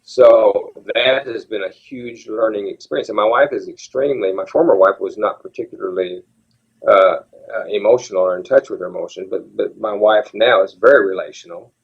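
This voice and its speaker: A man in his seventies, fairly quick and on the low side, with vocal fry and a slightly rough voice, reflects openly as a guest in an interview. He's earnest and keeps restarting his sentences. The audio is lo-fi and dull.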